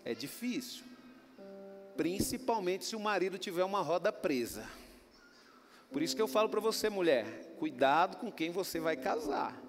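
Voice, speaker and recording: A man with a Brazilian Portuguese accent preaching a sermon as pastor, with loud rises and soft drops. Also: sits high, lively intonation, normal speed. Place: church hall. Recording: roomy hall with music behind. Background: music playing.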